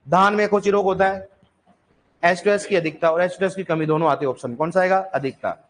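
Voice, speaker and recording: Guy teaching an agri exam class, pretty high voice, keeps asking questions and repeating answers, bit of in it. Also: brisk, a little hiss or hum. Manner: quizzing, joking, repeats key answers. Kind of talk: classroom lecture with student call-and-response. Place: classroom with students.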